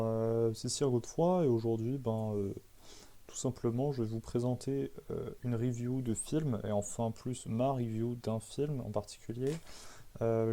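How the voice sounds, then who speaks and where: A man's voice: medium pitch, mellow. A man doing a casual, comic movie recap as a film reviewer, slangy and irreverent, who keeps asking himself rhetorical questions.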